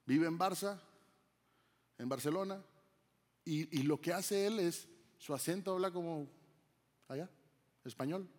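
A man's voice: fairly high pitch, a little slow, pauses often, a little mellow, in a large hall. A man from Mexico preaching a sermon as pastor, conversational, throwing rhetorical questions to the congregation.

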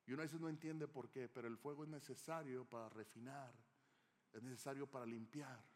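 A male preacher delivering a sermon in a church hall, telling stories dramatically and swinging from loud to hushed. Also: medium pitch, fairly even intonation, brisk. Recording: long hall reverb.

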